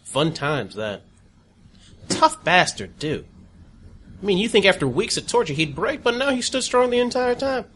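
A man's voice: high voice, very animated, moderate pace, pauses often, a bit bright, slight background noise, pitched above the performer's own voice, heavily acted. A man voicing a bitter, mocking male villain taken captive in a tabletop game. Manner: sneering, defiant, yelps in pain.

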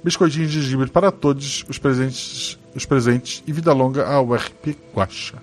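A man's voice: mid-range voice, moderate pace, soft background music. A man with a Brazilian Portuguese accent hosting a podcast, casually joking and swearing while reading listener comments. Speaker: podcast host.

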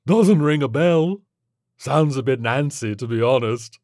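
A man voicing a laid-back male tentacled alien who drawls in relaxed slang. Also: medium pitch, measured pace, no room sound, clean studio sound, pitched above the performer's own voice, natural voice.

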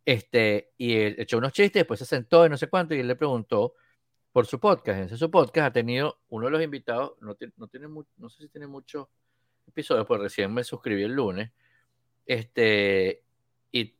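A man, co-hosting a podcast and telling an anecdote in casual chat, lively and acting out the voices he quotes. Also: mid-range voice, moderate pace, no room sound, clean studio sound. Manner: animated storyteller, acts out quoted voices.

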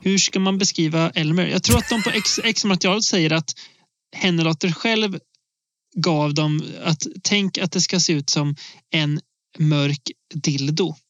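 A man co-hosting a casual film podcast, relaxed, laughing a lot and pausing often with "eh". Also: on the high side, no room sound. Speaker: podcast co-host. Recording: dull, dry lo-fi sound.

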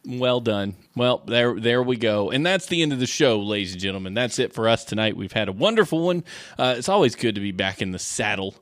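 A man's voice: mid-range voice, a little fast, dry recording, studio quality. A man in his thirties co-hosting a podcast, chatting casually and acting out quotes as he tells stories. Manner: animated storyteller, acts out quotes. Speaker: podcast co-host.

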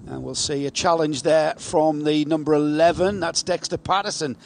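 A man's voice: on the high side, steady tone, normal speed, gravelly, darkish tone, a little hiss or hum. A man commentating live on a motor race, calling the moves as a motorsport commentator.

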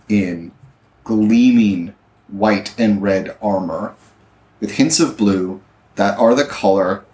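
Brief: game master, man, low voice, slow and descriptive, roomy echo. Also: a little mellow. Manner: deliberate, descriptive narration. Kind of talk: narrating a tabletop game.

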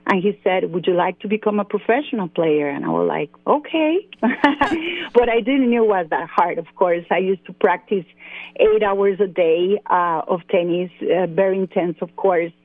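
A woman's voice: medium pitch, expressive, normal speed, no echo. Costa Rican woman over a phone line. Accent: Costa Rican Spanish. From Costa Rica. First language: Spanish. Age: 40s. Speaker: guest. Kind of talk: interview by phone. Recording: dry phone-line audio.

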